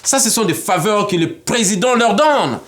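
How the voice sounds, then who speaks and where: A man lays out his political ideas as an interview guest. His voice sits high and swings widely up and down as he explains. He talks in an animated way, often slipping into little acted-out exchanges and laughing. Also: moderate pace. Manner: animated, acts out imagined dialogues, laughs often.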